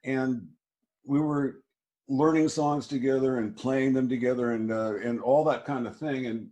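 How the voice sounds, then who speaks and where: A man in an interview, telling a story in a halting way with many restarts and fillers. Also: mid-range voice, fairly even intonation, dark tone, highs cut off. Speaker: interview guest, musician. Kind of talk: casual storytelling.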